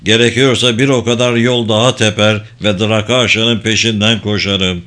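A man playing a big, grizzled sea captain in an audiobook, speaking low, grave and measured. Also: flat delivery, a bit bright, lightly acted. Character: big, stern, grizzled male ship captain.

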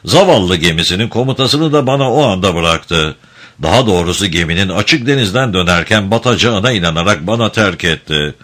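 A man voicing a calm French sailor witness. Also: deep voice, fairly quick. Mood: composed. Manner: composed, unruffled testimony.

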